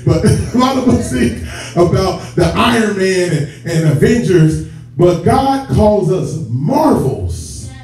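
Speaking slowly in a high voice with big swings in pitch and a darkish tone, a man preaches as a church elder over soft background music. He talks to the congregation conversationally and directly, lengthening important words. The audio comes from a camera far back in a sanctuary with a stage and rows of seats, so it's echoey, muffled, noisy and distant.

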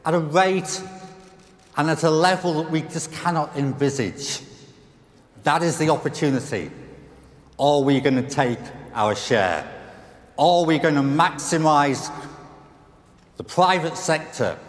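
A middle-aged man from the UK giving an emphatic conference keynote as an economist, using rhetorical questions and repeated punchlines, on a large stage with a headset mic. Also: fairly high pitch. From United Kingdom. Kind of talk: conference speech. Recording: roomy hall reverb.

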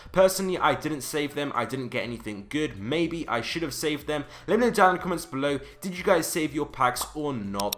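Bright-voiced young man talking game trading. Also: medium pitch. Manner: habitual emphatic "do" in verbs. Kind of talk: casual market commentary.

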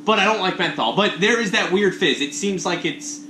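A man's voice: high-pitched, moderate pace, background noise. A man in his thirties in rowdy, casual banter, joking crudely and chipping in as a review show co-host. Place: small indoor lounge, on a couch. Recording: roomy echo, music behind.

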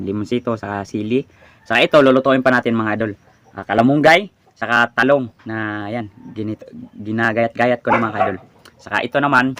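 A man's voice: mid-range voice, fairly bright tone. A man with a Filipino accent hosting a casual cooking and eating vlog, chatty and stumbling over longer words. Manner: chatty, keeps calling viewers "idol", laughs a lot. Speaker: food and garden vlogger. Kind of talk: casual mukbang vlog chat.

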